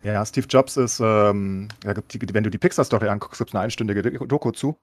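A man's voice: lowish voice, brisk, no room sound. A man co-hosting a casual podcast, explaining things at length as if giving a lecture, with frequent filler words. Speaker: podcast co-host. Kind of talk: casual chat.

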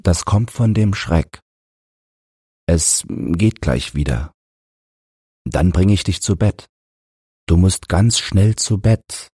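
A man playing a gentle, helpless father who talks in a soothing, apologetic way. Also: low voice, lively intonation, takes it slowly, long pauses, husky, dry recording, studio quality, voice pushed up, heavily acted.

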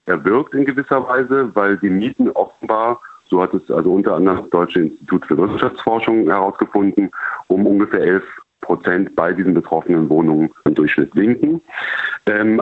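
A very low-pitched man comes through a thin, crackly low-quality phone line that sounds dry and close. He explains his points in a measured way, with lots of pauses and hesitation sounds, like a reporter answering questions by phone. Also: no room sound. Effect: low-quality telephone line. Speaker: journalist colleague reporting by phone. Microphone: telephone.

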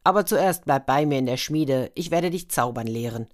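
A woman voicing a huge, jovial male smith who speaks in a booming, hearty way in a storybook reading. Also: lively intonation, normal speed, a little mellow.

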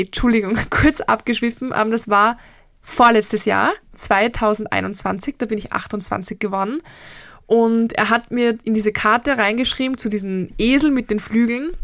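A woman's voice: fairly high pitch, a bit bright, dry recording, studio quality. A woman in her twenties with an Austrian accent, a mental coach hosting a reflective solo podcast, talking in a rambling, personal way with frequent hesitations. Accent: Austrian German. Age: 20s.

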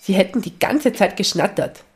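A woman's voice: medium pitch, expressive, normal speed, husky, pitched above the performer's own voice. Woman playing a cheeky little elf girl. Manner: cheeky remarks.

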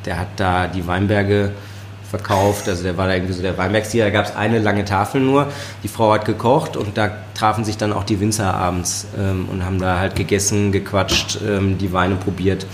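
Lively storytelling man from the Ruhr area. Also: low-pitched, moderate pace, a little hiss or hum. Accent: German, Ruhr area. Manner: lively storyteller, laughs often, many fillers. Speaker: chef and sommelier, podcast guest. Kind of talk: casual podcast interview.

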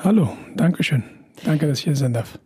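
A man in his thirties from Afghanistan, a podcast guest who answers thoughtfully and hesitantly, with many pauses and fillers. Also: fairly high pitch, lively intonation, warm tone, breathy edge, no echo, clean studio sound. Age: 30s. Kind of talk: interview.

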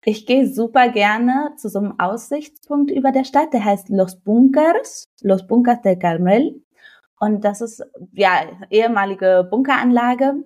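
A woman's voice: medium pitch, a little mellow. A young woman from Germany, a guest on a podcast, enthusiastically giving travel tips in casual chat.

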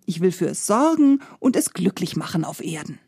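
A woman voicing a gentle, kindly God. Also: fairly low pitch, very animated, fairly quick, slightly rough, dry recording, clean studio sound, heavily acted. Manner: gentle, friendly. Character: God, kindly older male stranger.

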